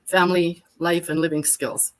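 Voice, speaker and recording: A woman's voice: lowish voice, level tone, moderate pace, crowd noise, low-quality recording. An older woman from Alberta, telling her story at length as a guest on a live video chat. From Alberta, Canada. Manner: chatty storyteller, long detailed answers. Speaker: guest, workshop facilitator. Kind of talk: casual conversation on a live stream.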